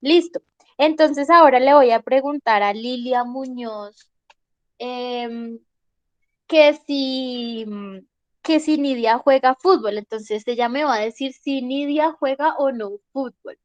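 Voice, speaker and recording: A woman's voice: sits high, takes it slowly, dry recording. A woman teaching an English grammar class, explaining patiently and checking in with her students often.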